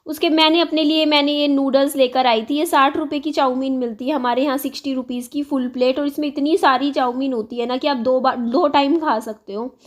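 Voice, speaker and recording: A woman in her thirties chatting casually to her viewers, low-spirited and confiding, her throat sore and strained so she keeps clearing it. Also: fairly even intonation, a little fast, hardly any pauses. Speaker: vlogger. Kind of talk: casual chat to camera.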